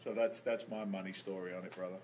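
A man from England with an English accent, telling personal stories in a casual conversation, with lively shifts in feeling and frequent repeated words. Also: deep voice, quick pace, slight background noise, low-quality recording. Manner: storytelling, animated, repeats words.

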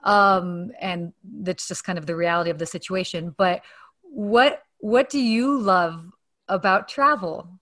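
A woman's voice: fairly low pitch, a little slow, fairly bright tone. A young woman hosting a casual interview, talking in a friendly, conversational way with plenty of fillers. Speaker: interview host.

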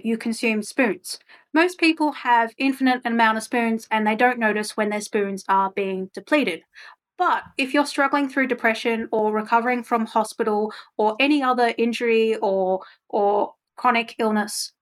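A woman speaking as a podcast guest, talking openly and thoughtfully with frequent ums. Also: a little high. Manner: open, reflective, with frequent ums. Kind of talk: casual interview chat.

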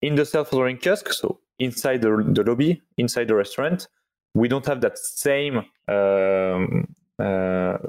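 A man answering interview questions as an expert guest, explaining step by step with halting, non-native phrasing. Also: mid-range voice, darkish tone. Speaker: podcast guest, company product executive.

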